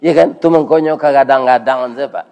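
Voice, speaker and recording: A man's voice: mid-range voice, normal speed, gravelly, darkish tone. An older man preaching a casual village sermon with a Minangkabau accent, bantering with his listeners and often asking "right?". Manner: folksy, bantering, keeps asking "iya kan?". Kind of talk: village sermon with crowd questions.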